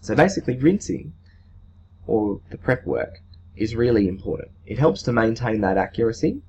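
A man's voice: mid-range voice, big pitch swings, normal speed, warm tone. A man in his thirties giving an informal, unscripted lesson, explaining step by step like a teacher. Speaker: chemistry teacher, video host. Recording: muffled sound with clear background noise.

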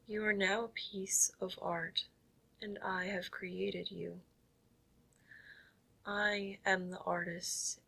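Husky gravelly whisper from a woman doing a playful hypnotist queen, slow and soothing. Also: mid-range voice, sharp tone, heavily acted. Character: commanding female stage hypnotist, playful zombie queen. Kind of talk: ASMR hypnosis roleplay.

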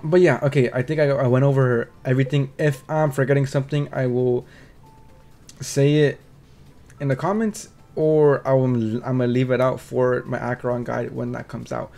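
A game commentary creator with an ordinary middle-pitched, darkish voice talks through a video game in a loose, rambling way. He stutters and restarts as he thinks, swears casually, and keeps asking "right?" to check in with listeners.

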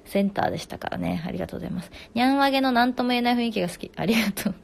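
A woman in her twenties hosting a casual live stream at home on her phone. She reads viewer comments aloud and answers them quickly. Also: on the high side, animated, vocal fry.

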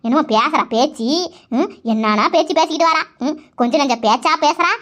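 A woman voicing a sharp-tongued village woman who scolds and grumbles sarcastically in a cartoon family quarrel. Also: high-pitched, a little fast. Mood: scolding. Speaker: cartoon voice artist. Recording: dull lo-fi recording.

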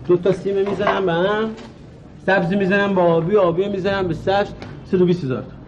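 A high-pitched young man plays a stubborn student who grumbles and mutters to himself. He insists he can fix everything alone. Faint noise runs behind his voice. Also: fairly even intonation, lo-fi sound. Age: young adult. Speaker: student roommate. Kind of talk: TV comedy drama acting.

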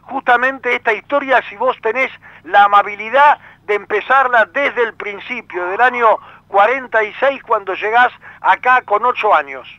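A man with a Rioplatense Spanish accent who hosts a radio interview, speaking deliberately and hesitating at times as he introduces his guest. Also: high voice, sharp tone, no room sound, muffled recording. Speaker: radio host.

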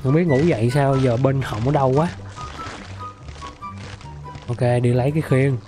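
A hoarse young man with a sore throat, excitedly commenting on a mobile game he is playing, yelping and repeating words. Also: medium pitch, normal speed, music in the background. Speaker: gaming streamer.

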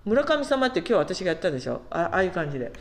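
A woman giving a conversational sermon who asks the congregation questions and slows down on key words. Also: fairly low pitch, big pitch swings, reverberant. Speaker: preacher.

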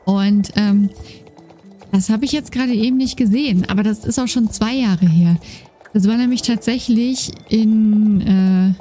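A gaming YouTuber gives casual let's-play commentary while playing a horse game, chatting with lots of fillers. Her mid-range voice is a little slow and has a slight lisp with soft trailing S sounds. She's on a desk microphone with a noise gate, and game music and horse hoofbeats play behind her.

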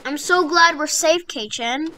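A female gaming host giving excited, casual gameplay commentary and explaining things as she plays. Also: high voice, slow, background noise.

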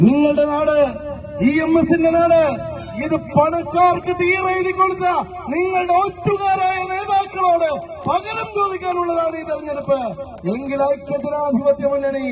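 Brief: man, very high voice, fiery campaign orator, loud crowd and noise behind. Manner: shouting slogans, declamatory. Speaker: political campaign speaker. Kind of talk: fiery election rally speech. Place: outdoor rally with crowd. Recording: crowd noise, noisy rally.

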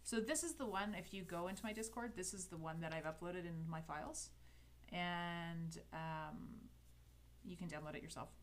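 A Canadian woman in her thirties chats casually at her home desk studio while teaching a calligraphy livestream, rambling, interrupting and correcting herself with light laughs. Her voice is fairly low and her pace moderate. She speaks into a headset, with a little hiss or hum in the audio.

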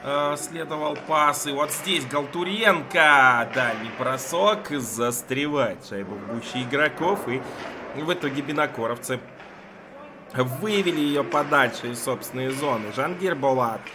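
A man's voice: medium pitch, unhurried. A man giving live play-by-play ice hockey commentary in short, clipped phrases. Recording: noisy ice rink broadcast.

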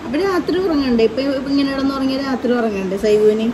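A vlogger with a Malayali accent talks casually at home on a rainy evening, gently sing-songing to calm a drowsy child who is crying. She speaks in a high-pitched voice at a racing pace, with noise in the background.

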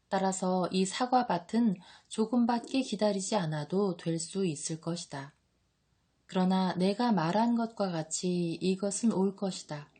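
A woman reading an audiobook, voicing a calm male teacher who speaks gravely and in a measured way. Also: medium pitch.

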